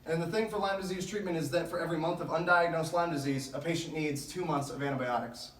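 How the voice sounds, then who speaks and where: A man's voice: on the high side, steady tone, fast talker, fairly bright tone. Echoey, distant man giving a motivational team speech. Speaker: motivational speaker. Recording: echoey room, distant microphone.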